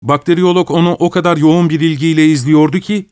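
A man's voice: fairly high pitch, steady tone, fast talker, a little mellow, clean tone, dry recording. Man reading a story, dry close sound. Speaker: narrator. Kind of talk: audiobook narration.

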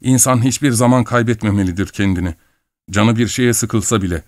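A man voicing a fussy, pleading older man in a fur coat in an audiobook reading, slow and drawn out. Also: fairly low pitch, no echo, studio quality, close to an everyday voice.

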